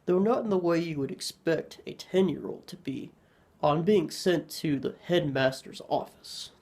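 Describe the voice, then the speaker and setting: A man narrating a horror story in a measured storytelling manner. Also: a little high, vocal fry, darkish tone.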